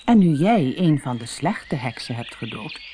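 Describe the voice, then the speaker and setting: A woman voicing a kindly old witch in a storybook, speaking softly and gently. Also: a bass voice, big pitch swings, measured pace, a little hiss or hum, voice pushed down, exaggerated voice. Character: kindly old good witch, small and stiff.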